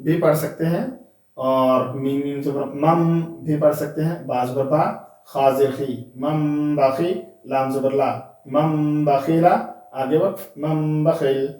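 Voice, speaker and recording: A man's voice: mid-range voice, fairly even intonation, measured pace, a little mellow. A man teaching Quran reading, spelling out each letter and vowel mark, then blending and repeating the syllables with short rule explanations. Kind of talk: slow spelled-out recitation lesson. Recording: echoey room, voice from a distance.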